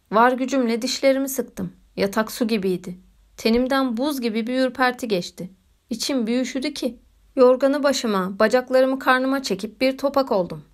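A woman reading a story aloud as a narrator, in a measured and expressive way. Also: sits high. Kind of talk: audiobook narration.

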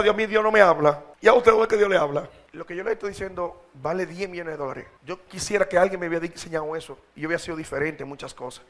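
A man's voice: sits high, fairly bright tone. A man preaching a sermon, exhorting his congregation in a direct, colloquial way.

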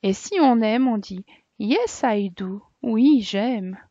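A woman's voice: a little high, expressive, takes it slowly, dark tone, husky, dry recording. A woman teacher giving a children's vocabulary lesson, saying each word and then translating it. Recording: dry, dull lo-fi recording.

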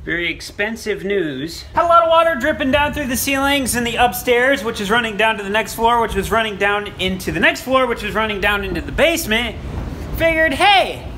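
A man's voice: sits high, animated, brisk, bright, forceful tone, a little hiss or hum, low-quality recording. A young man from Iowa vlogging on his farm, talking chattily to a handheld camera as he explains things. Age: young adult. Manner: chatty, upbeat, explains as he goes. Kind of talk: casual vlog narration. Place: farm sheds, house and basement. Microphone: handheld selfie camera.

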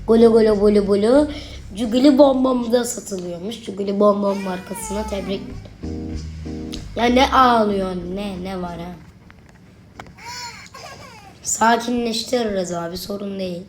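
Soft background music plays as this gaming video creator, a young woman, casually comments through a babysitting horror game. Her medium-pitched voice is a little mellow and moves at normal speed while she chats to viewers and answers the baby on screen in her let's play commentary.

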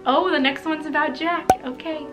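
A woman's voice: high-pitched, fairly even intonation, moderate pace. A young woman reading her childhood diary aloud and commenting on it, amused and embarrassed, with exclamations. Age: young adult. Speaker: vlogger. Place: small decorated room indoors. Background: background music.

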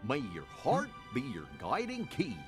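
An actor voicing a good-natured, bumbling cartoon dog with a folksy, earnest manner in a video game. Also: male voice, mid-range voice, wildly swooping pitch, measured pace. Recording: game cutscene with music behind.

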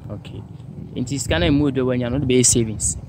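A young man with a Ghanaian accent, interviewing passers-by outdoors on a town street, talking into a handheld phone and switching briskly between English and local phrases. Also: mid-range voice. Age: young adult. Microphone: handheld phone held out to guests. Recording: noisy outdoor street recording.

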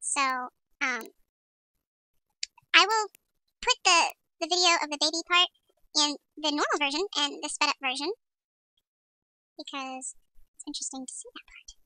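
Woman's voice sped up into a squeaky chipmunk voice, super high and bright, rambling through a tutorial. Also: animated, normal speed, long pauses, no room sound, low-quality recording. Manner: chatty, rambling, self-talking while editing. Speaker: video tutorial maker. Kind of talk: casual screen-recording tutorial.

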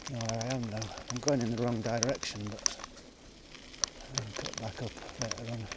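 A middle-aged cycling vlogger chats casually while riding forest trails, rambling and tossing in asides to himself in a medium-pitched, steady voice at a normal pace. He's recorded outdoors on a small pocket camera mounted to his bike frame, so the camera audio is noisy.

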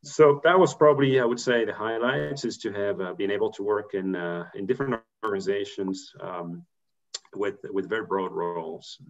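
Over a muffled video call from home, a Belgian corporate treasurer in his fifties offers career advice, thinking aloud with plenty of fillers and restarts. His voice is lowish, his intonation fairly even, and his pace moderate.

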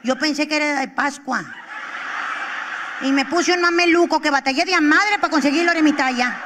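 A young adult woman with a Mexican accent doing stand-up comedy, telling a story and acting out both sides with loud exclamations. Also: sits high, normal speed, background noise. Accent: Mexican Spanish. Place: stage before a live audience.

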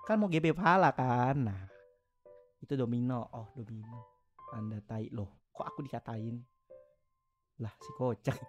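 A young man streaming casually, teasing his chat and laughing often, with sudden loud outbursts. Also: medium pitch, unhurried, long pauses, soft background music. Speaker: VTuber streamer. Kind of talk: casual live stream chat reading viewer messages.

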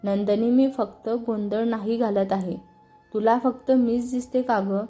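A woman's voice: fairly high pitch, fairly even intonation, measured pace, dark tone, soft background music, natural voice. A woman voicing a hot-tempered young woman who hurls angry insults in a storybook reading.

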